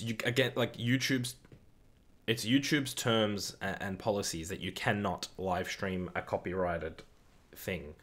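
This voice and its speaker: A man with a fairly low voice hosts a live football watch-along stream. He talks casually, answers viewers' comments and reacts loudly to the play.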